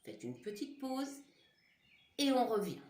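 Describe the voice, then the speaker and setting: A woman teaching young children, slowly dictating syllables and words in a classroom lesson. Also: fairly high pitch, sing-song, darkish tone, echoey room. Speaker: primary school teacher. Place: classroom with a board. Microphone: camera mic.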